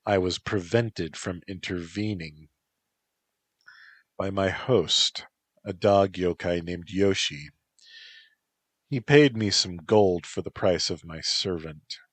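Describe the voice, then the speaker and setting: A man's voice: sits low, slow, long pauses, no echo. Man playing a proud grieving spirit lady. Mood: solemn. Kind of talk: storybook narration.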